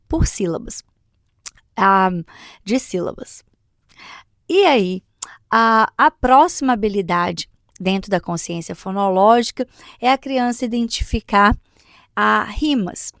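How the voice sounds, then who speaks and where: A woman, explaining early literacy to parents in an unhurried, instructive way. She pauses and restarts words as she goes. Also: mid-range voice, a bit bright, no echo, studio quality. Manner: breaks into sung nursery rhymes in a lilting voice. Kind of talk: explanatory talk to camera.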